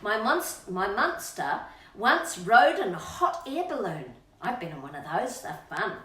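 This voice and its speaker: In an unhurried, very animated mid-range voice with a fairly bright tone, a woman performs a children's storybook in playful sing-song, elongating words. She also chats with her dog, and the distant mic adds roomy echo.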